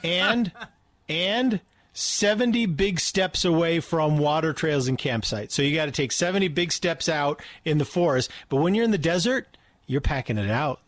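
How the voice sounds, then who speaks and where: A man's voice: a little high, lively intonation, moderate pace, dry recording. Earnest male co-host explaining rules. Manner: earnest, explaining, emphatic repetition. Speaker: radio co-host. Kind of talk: casual radio banter.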